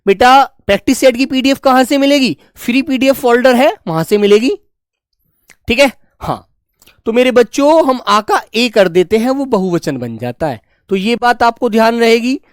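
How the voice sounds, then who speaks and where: A man's voice: very high-pitched, animated, normal speed, clear, resonant tone, dry recording, studio quality. A man teaching an online Hindi grammar lesson, affectionate and repetitive, keeps asking his students questions and answering them himself.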